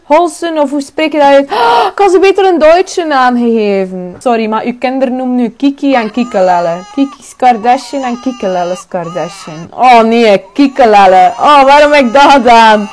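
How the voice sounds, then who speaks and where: A young woman with a Flemish accent giving chatty, excitable commentary while playing a life-sim game, exclaiming and swearing often. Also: sits high, normal speed, few pauses, a little hiss or hum. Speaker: gaming YouTuber. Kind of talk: casual let's-play commentary.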